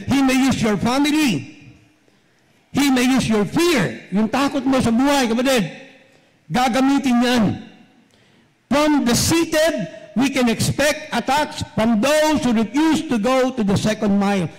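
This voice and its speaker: High-voiced preacher in an echoing hall. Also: male voice. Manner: preaches directly to the congregation, switching between Tagalog and English. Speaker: pastor. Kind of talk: sermon. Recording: long reverb from a large hall.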